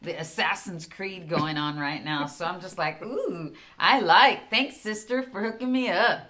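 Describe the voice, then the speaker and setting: A woman's voice: lowish voice, measured pace, pushed and bright. A Texan woman co-hosting a casual church podcast, chatting easily and teasing her partner. She laughs often and keeps the talk light. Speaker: podcast co-host. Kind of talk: casual chat.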